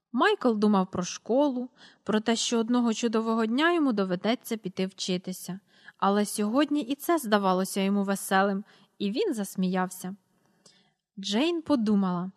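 A woman reading a storybook aloud in a steady voice, announcing the page numbers as she goes. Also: medium pitch. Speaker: reader.

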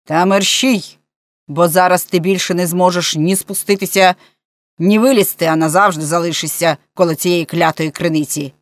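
A woman's voice: low-pitched, steady tone, moderate pace, dry recording, natural voice. A woman voicing a hot-tempered middle-aged police chief who gives orders in a threatening way. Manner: threatening, commanding.

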